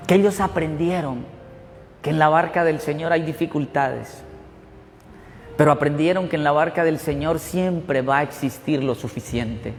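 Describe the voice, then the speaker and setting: A middle-aged man preaching a sermon as pastor, telling stories with lively swings between loud and hushed delivery. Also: a little high, creaky. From Colombia. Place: church hall. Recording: church hall reverb with faint room noise.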